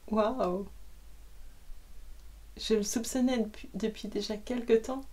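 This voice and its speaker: A woman who reads books aloud, chatting casually at the end of a reading, soft and rambling, sometimes slipping into whispers, at home. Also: fairly high pitch, fairly even intonation, slow pace. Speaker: audiobook reader. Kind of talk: casual closing chat.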